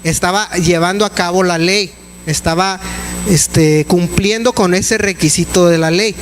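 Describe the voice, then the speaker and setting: A male pastor with a high voice gives a casual, chatty sermon and often stops to restart his sentences. A faint hum runs underneath his voice. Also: steady tone, measured pace, rough recording. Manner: conversational, many restarts and fillers.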